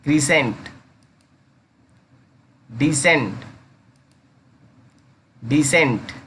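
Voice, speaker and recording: A man teaching English pronunciation in Hindi, repeating each word slowly and calling his listeners guys. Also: a little high, a bit bright, slight background noise. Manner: slow, drawn-out repetition of each word. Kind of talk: pronunciation lesson.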